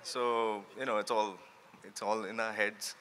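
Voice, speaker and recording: A middle-aged man with an Indian accent talking casually on a press panel, halting as he searches for words, into a handheld microphone. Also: lowish voice, little pitch movement, a bit bright. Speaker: show creator on a press panel. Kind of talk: casual unscripted panel talk. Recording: faint noise, live stage microphone.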